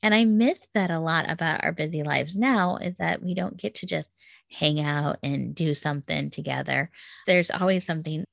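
A woman's voice: sits low, normal speed, gravelly, fairly bright tone, no echo. A woman in her thirties hosting a casual solo advice talk, explaining things step by step in an upbeat, tidy, encouraging way. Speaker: podcast host giving relationship advice. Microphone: close microphone, dry sound.

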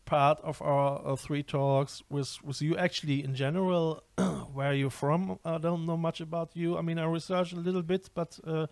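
Hesitant man hosting, higher voice. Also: little pitch movement, normal speed, hardly any pauses, a little mellow, no room sound. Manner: hesitant, repeats words, restarts often. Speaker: podcast host. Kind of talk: casual interview over a video call. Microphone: video call.

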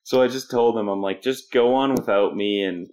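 Very low male voice, canadian guy, young adult, lively anecdote teller, chuckles a lot. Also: moderate pace. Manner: animated storyteller, laughs often, jumps into quoted voices. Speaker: podcast guest. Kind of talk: casual storytelling interview.

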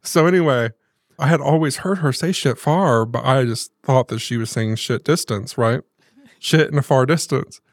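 A man's voice: mid-range voice, normal speed, no echo. A man from the American South, a podcast co-host, telling a family story in casual chat and acting out the voices he quotes.

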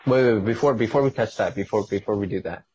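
A man's voice: lowish voice, fast, a little mellow, dull audio, a little hiss or hum. A man co-hosting a sports podcast, giving his opinions on football in casual talk.

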